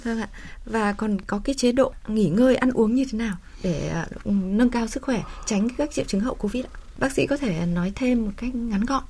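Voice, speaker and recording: A woman's voice: fairly high pitch, normal speed, few pauses, darkish tone, a little hiss or hum. A woman hosting a health radio programme, speaking politely as she interviews and addresses listeners. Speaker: radio health show host. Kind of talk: polite broadcast interviewing and sign-off.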